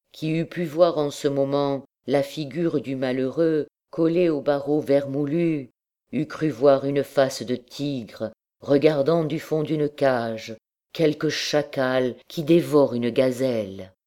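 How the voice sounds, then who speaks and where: A woman reading a classic novel aloud as an audiobook narrator, in a measured, expressive way. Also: extremely low pitch. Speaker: audiobook reader. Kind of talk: scripted narration.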